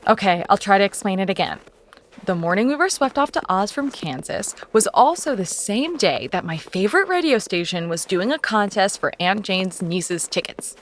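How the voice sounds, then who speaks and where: A woman's voice: mid-range voice, animated, moderate pace, lightly acted. A woman playing an anxious young traveler who worries aloud in an audio drama. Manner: worried and puzzling things out aloud. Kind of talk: musical audio drama acting.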